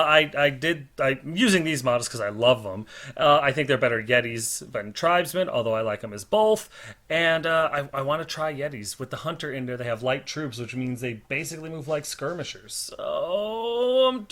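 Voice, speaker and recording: A man's voice: a little high, pushed and bright. A man casually narrating a tabletop game report in a chatty, informal, self-deprecating way, recorded on a slightly distorted laptop microphone. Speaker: host of a tabletop wargame battle report series. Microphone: built-in laptop or monitor microphone.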